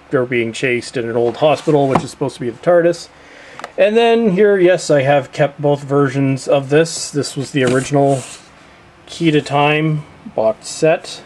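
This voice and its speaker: A man giving a casual walkthrough of his collection, chatty, drawing out each title slowly. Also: mid-range voice, darkish tone, slight background noise, low-quality recording. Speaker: collector showing his shelf.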